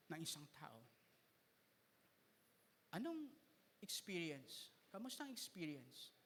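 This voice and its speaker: High-voiced pastor preaching in a hall. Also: male voice, a bit bright. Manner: mixes Tagalog and English, jokes with the congregation. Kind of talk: sermon. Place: church hall. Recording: reverberant church hall.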